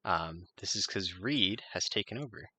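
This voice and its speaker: A man runs a tabletop game, his bright, forceful voice rising and falling a lot. He speaks haltingly with many fillers, recorded close and dry. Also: deep voice, expressive, husky, no echo. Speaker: game master.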